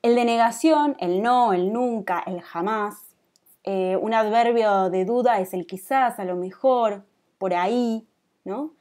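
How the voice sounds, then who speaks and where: Mellow-voiced Rioplatense woman teaching. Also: mid-range voice, takes it slowly. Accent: Rioplatense Spanish. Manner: explanatory, checks in with students with frequent "¿sí?". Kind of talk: online class lecture.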